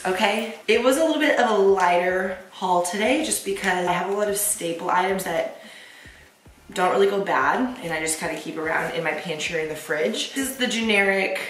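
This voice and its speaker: A woman's voice: mid-range voice, a bit bright. Chatty young woman vlogging in an echoey kitchen. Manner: chatty, upbeat, says y'all. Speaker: lifestyle vlogger. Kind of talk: casual vlog chat. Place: home kitchen indoors. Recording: echoey room, mic at a distance, noisy.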